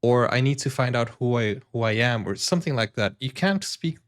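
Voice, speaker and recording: Speaking English with an American accent, though his first language is Portuguese, a Brazilian man talks straight to his viewers in casual reaction commentary. He's earnest and rambling, with plenty of fillers, in a brisk, mid-range voice with lively intonation.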